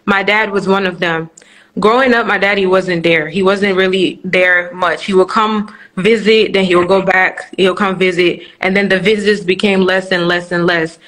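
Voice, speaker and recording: A woman's voice: lowish voice, steady tone, normal speed, fairly bright tone, low-quality recording. A woman in her twenties, from Nigeria, speaking candidly as a guest on a live-streamed interview, telling her story with many restarts and fillers. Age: 20s.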